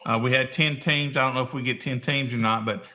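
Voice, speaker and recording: A man hosts a casual live-stream chat. His voice is very bright and his manner is folksy and easygoing. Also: medium pitch, fairly even intonation, brisk. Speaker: show host.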